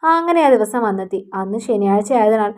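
A woman narrating a scripted story in a steady, even reading voice. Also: mid-range voice, moderate pace.

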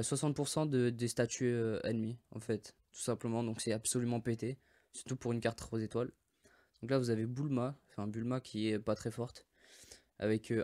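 A French man casually presents mobile game characters in a video, rambling with many hesitations and often forgetting names. His voice is medium-pitched with a darkish tone.

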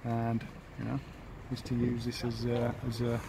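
Middle-aged English man, football manager, flat monotone, halting speech, outdoor noise, close camera mic. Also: mid-range voice, creaky. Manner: halting, many fillers and restarts, monotone. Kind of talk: post-match interview. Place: outdoors beside a football pitch. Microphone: handheld camera at close range.

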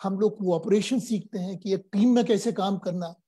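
An older man from Uttar Pradesh answers interview questions as a guest in an earnest, explanatory way, now and then switching into English phrases. His voice is mellow and dark-toned, with a husky, slightly rough edge. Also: high voice, moderate pace. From India, Uttar Pradesh. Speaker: guest science popularizer.

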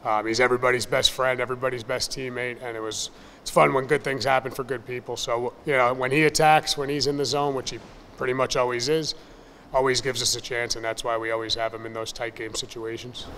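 Brief: man in his thirties, baseball coach at a postgame presser, steady and upbeat, table mic, reverberant room with faint noise. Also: medium pitch. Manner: measured, upbeat, plain-spoken with fillers. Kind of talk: postgame press conference answers. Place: press room in front of a sponsor backdrop. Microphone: table mic on a stand.

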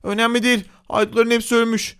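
An excitable man hosting a block-game role-play, with a very high voice and a quick pace. He narrates dramatically to his viewers and often raises his voice to a shout. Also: smooth. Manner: addresses viewers as friends. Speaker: gaming channel host.

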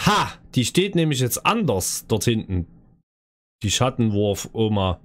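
Guy streaming a horror game, scared and jumpy, chatting to viewers, pitch goes all over. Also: sing-song, measured pace. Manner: talks to viewers and game characters. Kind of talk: casual let's play commentary of a horror game.

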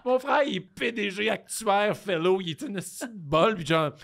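A man with a Québécois accent co-hosts a relaxed podcast, throwing out jokes and questions. His pitch swings widely and his delivery stays animated. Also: moderate pace, vocal fry. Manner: playful, joking interviewer. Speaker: co-host. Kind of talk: casual podcast chat.

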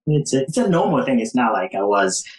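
A man's voice: medium pitch, sing-song, fairly quick. A young man from Uganda, a podcast guest, answering in a casual, hesitant way with many fillers and restarts. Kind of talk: casual interview. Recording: roomy echo.

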